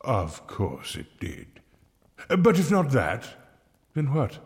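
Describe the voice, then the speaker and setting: A medieval friar in an audio drama, set in a reverberant hall. His delivery is pastoral and measured, with lively swings of pitch. He is kindly, with a wry, reproving edge. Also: heavily acted. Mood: gently teasing. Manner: measured, pastoral, gently ironic.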